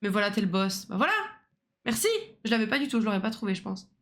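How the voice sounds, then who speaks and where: A woman's voice: mid-range voice, fast talker, a bit bright. A woman streamer playing a puzzle game, thinking aloud and bickering with a co-player over the answers. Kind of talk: casual puzzle game chat.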